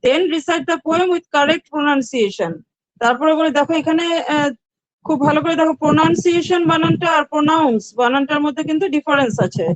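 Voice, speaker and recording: A woman's voice: sits high, fairly quick, no echo, poor audio. A woman teaching an English lesson online, speaking, patiently repeating words and spelling them out letter by letter. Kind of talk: online class.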